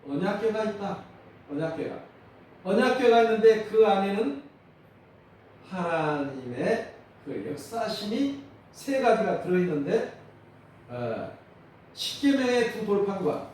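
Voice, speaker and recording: Animated Korean pastor preaching in an echoey hall. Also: male voice, high-pitched, a little hiss or hum. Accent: Jeolla. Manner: animated, calls for congregation responses. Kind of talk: sermon. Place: church sanctuary. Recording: distant mic in echoey church hall.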